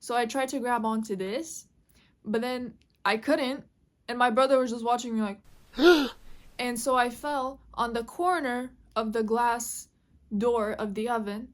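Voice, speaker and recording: A chatty woman narrates a casual storytime as she draws. Her voice sits a little on the higher side, and her talk is full of fillers and offhand swearing. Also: mellow. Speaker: vlogger.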